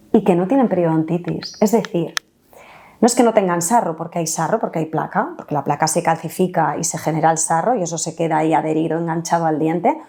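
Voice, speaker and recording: Woman, dentist guest, lowish voice, chatty explanations with tag questions. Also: a little mellow, slight background noise. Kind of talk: conversational interview explanation.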